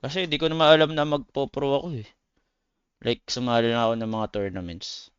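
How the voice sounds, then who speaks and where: Speaking at a medium pitch and a fairly quick pace, this Filipino-accented game streamer and esports competitor has a clean tone and fairly even intonation. He talks casually to his livestream audience like they're his buddies, bluntly and with plenty of slang and cursing. The recording is muffled but has no room sound.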